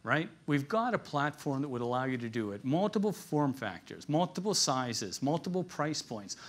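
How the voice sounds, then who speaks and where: At a conference, a man with a fairly high, very animated voice gives an informal business presentation at a moderate pace. He tells it like a lightly jokey story, chuckling at his own asides.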